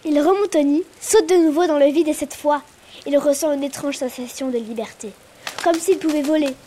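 A woman narrating a children's animal story in a calm, even storytelling voice. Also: high-pitched, normal speed.

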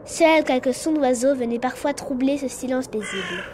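A woman narrating a children's animal story in a calm, even storytelling voice. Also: high voice, moderate pace, background noise.

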